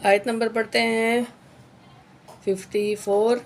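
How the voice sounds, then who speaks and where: A woman teaching Quran reading who spells out each letter and vowel mark, then slowly recites each word and stretches it out, often stopping to say "okay". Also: fairly high pitch, little pitch movement, creaky, slight background noise. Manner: often adds a checking "okay" after each rule.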